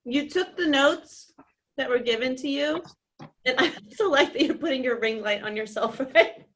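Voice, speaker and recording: Giggly high-voiced woman on a noisy call. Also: normal speed. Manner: giggly, teasing. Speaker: host and judge of a contest. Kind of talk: casual chat, hosting a party game. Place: indoors at home, on a video call. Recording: noisy video call with clicks.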